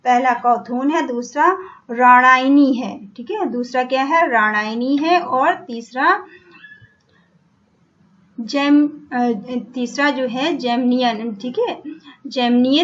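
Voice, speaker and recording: A woman teaching an exam-prep lecture, repeating each point, asking and then answering her own questions. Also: high voice. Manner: repetitive, checks in with "ठीक है", asks and answers her own questions. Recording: dull lo-fi recording.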